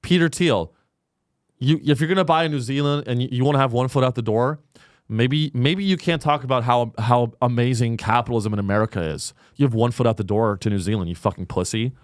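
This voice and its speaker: Brief: male podcast host, mid-pitch, sarcastic and crude, dry close sound. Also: fairly quick, dry recording. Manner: crude, sarcastic, swings to high mocking pitch. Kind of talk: casual comedic chat.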